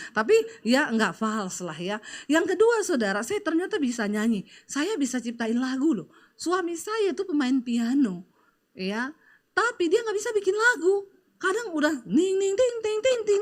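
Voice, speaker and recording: Chatty middle-aged woman pastor. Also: high-pitched. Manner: chatty, lively storytelling with frequent filler "ya". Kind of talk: conversational sermon with personal stories.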